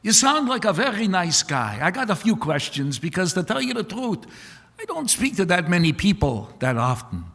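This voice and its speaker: Man plays a high, bright-voiced chatty blind man; pleading questions, big hall echo. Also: sing-song, moderate pace, full character voice. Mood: eager. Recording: long reverb of a large hall.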